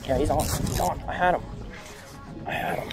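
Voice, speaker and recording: A man's voice: a little high, normal speed, over music. Young man narrating from a fishing boat. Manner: upbeat, talks to the camera while working the line. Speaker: fishing vlogger. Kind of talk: casual solo narration while fishing. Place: open flats boat on the water outdoors. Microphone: action camera mounted on the boat. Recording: wind and boat noise outdoors.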